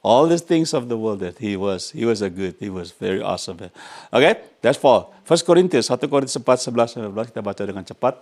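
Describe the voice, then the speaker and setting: An older man preaching a lively sermon as a pastor, animated and often chuckling, dropping English phrases into his talk. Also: medium pitch, a little fast.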